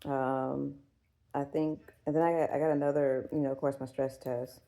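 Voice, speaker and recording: A woman's voice: a bass voice, level tone, normal speed, dark tone, low-quality recording. A woman in her forties chatting casually to camera in a rambling, profane way, full of fillers. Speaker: vlogger. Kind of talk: casual chat.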